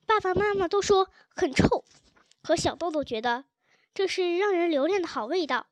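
A woman narrating a children's storybook chapter with a gentle, expressive reading. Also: very high voice, normal speed, no room sound. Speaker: audiobook narrator.

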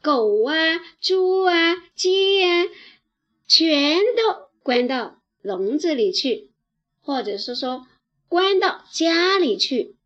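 Woman teacher reading a kids bedtime story, high voice, really slow, kinda dull sound. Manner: slow, gentle, lively storytelling. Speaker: teacher telling children's stories. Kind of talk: bedtime story narration for children.

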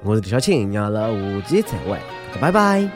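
Over loud music, a man with a Shanghainese accent hosts a comedic news podcast from a script, joking and exclaiming like a theatrical storyteller. His voice is lowish and very animated, and he talks a little fast.

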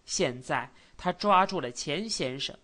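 Slow, low-voiced woman narrator. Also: lively intonation, fairly bright tone. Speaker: audiobook narrator. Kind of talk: scripted narration.

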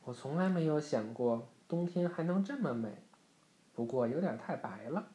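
A man's voice: on the high side, expressive, normal speed, warm tone, close to an everyday voice. A man reading as an earnest young princess. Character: young princess, hopeful and determined. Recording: roomy echo.

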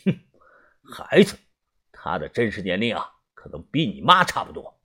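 A man putting on a cold, husky gang boss. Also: heavily acted. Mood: scornful. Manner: low, slow, flat and menacing delivery. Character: cold ruthless male gang leader, calm and deadly.

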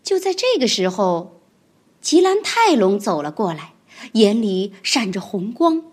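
A woman reading a children's picture book aloud, with expressive storytelling. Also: medium pitch, measured pace, husky.

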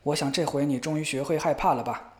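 Man reading as a measured fairy-tale king. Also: a little high, lightly acted. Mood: formal. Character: a king, dignified older man.

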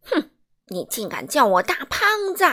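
Storybook: woman playing a pompous, short-fused gentleman, loud and indignant. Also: on the high side, moderate pace, lightly acted. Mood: angry. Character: pompous, hot-tempered portly gentleman.

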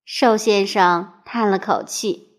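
A woman telling a children's storybook aloud, expressive and asking the listener playful questions. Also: mid-range voice, slow.

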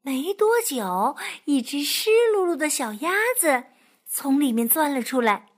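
A woman reading a children's picture book aloud in a lively, expressive way. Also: sits high, unhurried. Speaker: storyteller.

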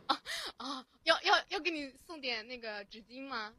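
A woman teases her friends in a voice chat room and giggles easily. Her voice sits a little high. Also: lively intonation, moderate pace, sharp tone. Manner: teasing, giggly. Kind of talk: casual chat.

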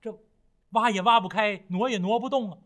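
A man doing a gentle fretting monk. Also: high-pitched, brisk, pitched above the performer's own voice. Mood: caring. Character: gentle, kindly male Buddhist monk master.

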